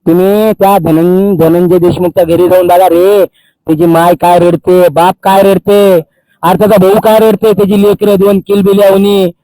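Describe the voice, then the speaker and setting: Angry activist, high dark voice, dry close sound, accusing and repetitive. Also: male voice, little pitch movement, normal speed, no echo, low-quality recording. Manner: furious, accusing, repeats phrases for emphasis. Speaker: social activist. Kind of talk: angry public tirade. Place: outdoors by a Holi fire.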